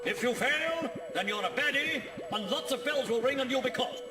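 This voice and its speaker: An actor playing an eccentric, proud military colonel in a cartoon, making stern and slightly bumbling announcements. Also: male voice, extremely high pitch, animated, moderate pace. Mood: officious. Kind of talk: animated cartoon voice acting. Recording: echoey, distant, loud music behind.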